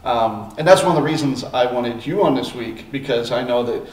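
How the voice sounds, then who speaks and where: Casual host, rambly with fillers, mid-pitched man, roomy far-off mic and faint noise. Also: brisk, darkish tone. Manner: rambling, lots of ums and uhs. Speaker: podcast host. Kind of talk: casual podcast chat. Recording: echoey room, distant mic, faint noise.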